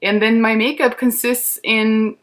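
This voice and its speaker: Her voice is a little high, with a flat delivery and measured pace. She's a Portuguese-speaking Brazilian in her thirties, walking through a makeup tutorial in the relaxed, frank and comforting style of a beauty vlogger.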